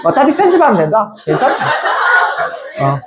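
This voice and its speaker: A woman math teacher giving a lively lecture, playfully quizzing students and chanting repeated numbers. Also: fairly high pitch, heavy background noise. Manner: addresses students directly with quick questions.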